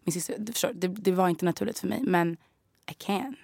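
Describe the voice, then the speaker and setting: A woman's voice: lowish voice, steady tone, vocal fry, darkish tone, slightly rough, no room sound. A woman from Gotland co-hosting a podcast in casual chat, dropping English phrases into her talk. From Gotland, Sweden. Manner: mixes English phrases into Swedish, candid. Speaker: podcast co-host.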